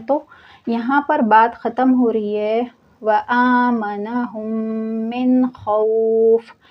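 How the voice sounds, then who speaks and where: A woman's voice: a little high, highs cut off. A woman teaching Quran recitation rules in a class, explaining patiently and drawing out the recited words. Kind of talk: online tajweed class explanation.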